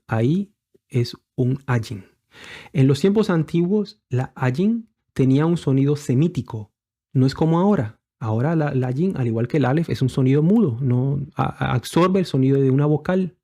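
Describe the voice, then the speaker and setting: A man teaches a scripture lesson in a mellow, relaxed voice. He explains patiently, stopping often with fillers and asking his listeners rhetorical questions as he points to letters on the screen. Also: fairly high pitch. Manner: refers to letters shown on screen. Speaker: bible teacher. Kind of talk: religious teaching.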